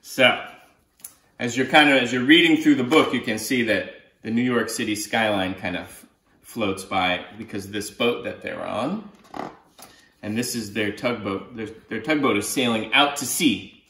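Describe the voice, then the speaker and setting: A middle-aged man who writes children's books sits on a sofa in a small living room, reading a picture book aloud expressively and adding explanatory asides. His voice is fairly low and sharp, a little slow, with slight background noise and a roomy living-room echo.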